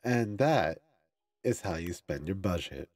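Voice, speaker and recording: Brief: low, slow male streamer, sore throat, slurred, mellow tone, dry close mic. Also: animated, dry recording. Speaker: gaming streamer. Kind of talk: reading a game story aloud.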